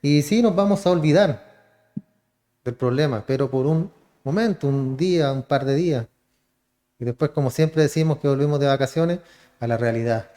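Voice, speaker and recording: A man's voice: on the high side, normal speed, dark tone. A man with a Chilean accent, a pastor preaching a sermon to his congregation, addressing them as brothers and asking rhetorical questions.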